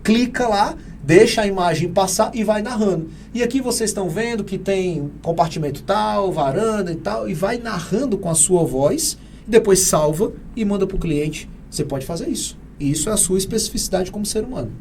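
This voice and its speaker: A Brazilian Portuguese-accented man speaking as an interview guest, his voice high for a man and mellow in tone. He explains with energy and emphasis, like a teacher throwing out rhetorical questions. A faint hum of background ambience sits under the recording. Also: animated, moderate pace, few pauses. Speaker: real estate AI consultant guest. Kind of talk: conversational interview answers.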